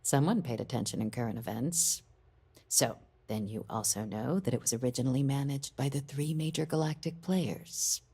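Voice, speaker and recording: Game role: crisp deputy diplomat, woman, low mellow husky voice. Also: normal speed, exaggerated voice. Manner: formal, briefing tone. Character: brisk female deputy diplomat, middle-aged, composed. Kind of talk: video game dialogue.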